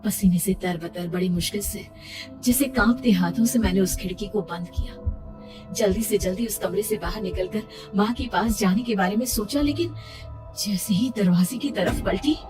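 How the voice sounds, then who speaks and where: Playing a frightened young pregnant woman, a woman with a natural, mid-range voice tells her horror story at a moderate pace, in a suspenseful, emotional, theatrical first-person style full of dread. Her voice sounds distant, sitting under loud background music.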